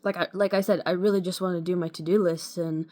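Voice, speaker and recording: A woman's voice: fairly low pitch, steady tone, fast, dark tone. Rambling woman vlogging, lots of fillers. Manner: rambling, many fillers, frequent "like" and "you know". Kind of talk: casual rambling talk to camera.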